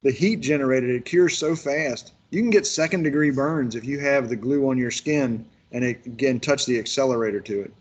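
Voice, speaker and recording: A man's voice: medium pitch, normal speed, few pauses. A man leading a workshop, telling folksy stories in a rambling way with lots of restarts. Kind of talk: casual virtual workshop instruction.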